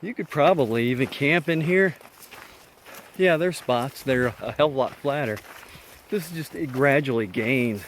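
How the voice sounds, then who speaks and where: A man's voice: medium pitch, moderate pace. A man filming himself as he hikes a mountain trail, talking casually, enthusiastic and a bit out of breath. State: out of breath from climbing. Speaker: hiker filming his trip. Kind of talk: casual vlog narration while hiking. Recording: noisy outdoor recording.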